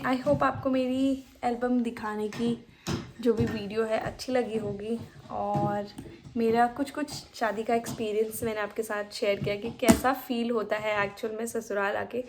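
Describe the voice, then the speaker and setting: A young woman from Uttarakhand, India, rambling casually and laughing a little as she narrates her wedding photos in a vlog voice-over. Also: on the high side. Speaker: vlogger. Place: voice-over, not recorded at the pictured wedding. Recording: voice with clear background music.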